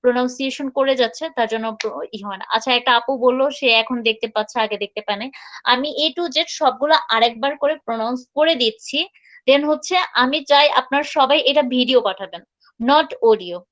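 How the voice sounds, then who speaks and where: A fairly high-voiced woman leads a live online English class, talking casually and saying words slowly, over and over, for students to copy. Her voice comes through a dull, lo-fi connection. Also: a bit bright. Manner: chatty, repeats words slowly to model pronunciation. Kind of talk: live class teaching pronunciation.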